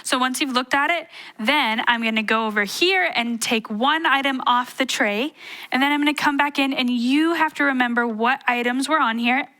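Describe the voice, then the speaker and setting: A woman's voice: high voice, normal speed, bright, forceful tone, no room sound. A woman hosting a children's show, explaining simply and encouragingly, step by step, to young viewers. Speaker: kids show host. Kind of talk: children's lesson presenting, playful and simple.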